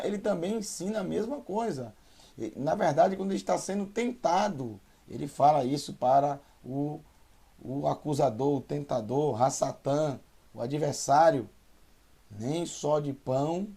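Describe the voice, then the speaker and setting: A man teaching a Hebrew reading lesson, patiently sounding out syllables and repeating words slowly. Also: medium pitch, creaky, dark tone, breathy edge. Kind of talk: online language lesson.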